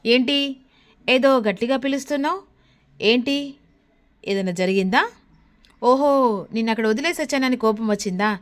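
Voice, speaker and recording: A woman's voice: fairly high pitch, moderate pace, long pauses, lightly acted. Brief: young husband, cutting and preachy, voiced by a woman narrator. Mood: mocking. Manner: lecturing, cutting. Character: stern young husband lecturing his wife.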